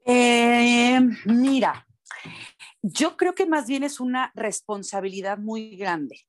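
A Mexican woman with a Mexican Spanish accent, talking earnestly in an interview. Her voice sits fairly high, and she speaks with warm emphasis. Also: expressive, slow. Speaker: voice actor. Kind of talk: conversational interview.

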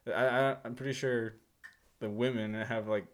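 A man in his thirties talks casually as a podcast co-host. He tells family stories with animated delivery, often breaking into laughter and putting on little voices. His voice sits at a middling pitch. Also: moderate pace. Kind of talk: casual chat.

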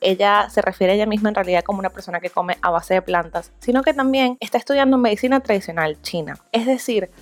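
A woman's voice: medium pitch, quick pace, few pauses, no echo, soft background music. A woman hosting a podcast in a casual, conversational Spanglish, dropping English words into her Spanish. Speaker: podcast host.

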